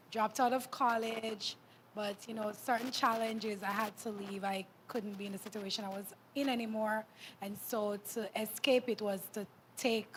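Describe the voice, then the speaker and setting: A woman's voice: on the high side, slight background noise. A woman from the Caribbean telling her immigration story as a panel guest, candid with self-deprecating asides. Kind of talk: personal storytelling in a panel talk.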